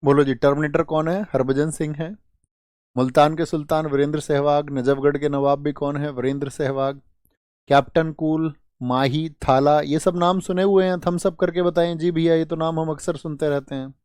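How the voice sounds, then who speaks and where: A man's voice: a little high, steady tone, moderate pace, darkish tone, no room sound, clean studio sound. A young adult male teacher running an online exam-prep class, quizzing students by asking questions and answering them himself, sometimes scolding with exasperation. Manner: quizzing, asks then answers his own questions.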